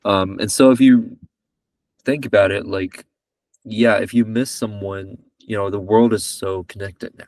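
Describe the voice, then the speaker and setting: A young man from Malaysia talks as a podcast guest, joking and rambling as he keeps correcting himself. His voice sits a little low. It sounds dry and slightly distant from the mic. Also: steady tone, a little slow, a little mellow, dry recording. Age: 20s. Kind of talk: casual chat.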